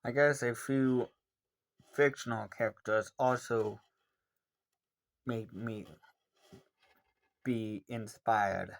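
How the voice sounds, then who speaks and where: A young man in his late teens answering viewer questions in a casual, rambling way, with many pauses and ums. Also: medium pitch, steady tone. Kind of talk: casual Q&A monologue.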